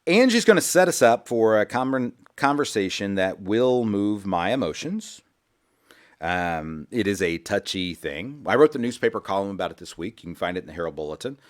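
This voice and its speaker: Speaking at normal speed in a fairly low and very animated voice, this man hosts a financial radio program from the studio. His casual, folksy talk wanders and repeats itself while working in a sales pitch.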